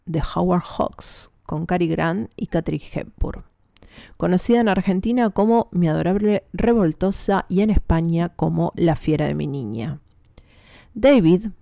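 A woman reads a scripted film column in a measured, explanatory tone. Her voice is low with a gravelly fry and a dark, mellow colour. The sound is dry. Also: no echo. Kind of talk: scripted narration.

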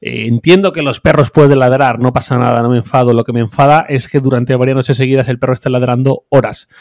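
A man's voice: medium pitch, fairly even intonation, fast talker, vocal fry, a little mellow, no room sound, clean studio sound. A man chatting casually on a podcast, hesitant with many fillers.

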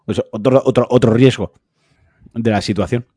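A man's voice: mid-range voice, normal speed, warm tone, husky, no room sound, clean studio sound. A man with a Spanish accent co-hosting a podcast, telling stories in a chatty way and laughing easily. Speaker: podcast co-host. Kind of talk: casual podcast chat.

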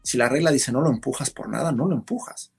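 Gravelly-voiced man telling a story. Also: mid-range voice, fast talker, soft background music. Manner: animated storyteller, acts out shouted quotes. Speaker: podcast guest. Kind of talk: storytelling in casual conversation.

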